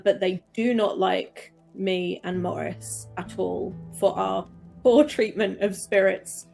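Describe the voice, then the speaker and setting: A woman playing in a tabletop game, talking in a slow, rambling way with dry asides. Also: medium pitch, creaky, darkish tone. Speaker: player. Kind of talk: casual chat in a tabletop game.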